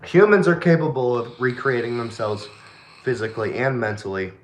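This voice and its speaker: A man's voice: mid-range voice, animated, moderate pace, reverberant, a little hiss or hum. A tipsy man co-hosting a casual late-night chat about faith, rambling and sometimes losing his train of thought. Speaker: podcast co-host.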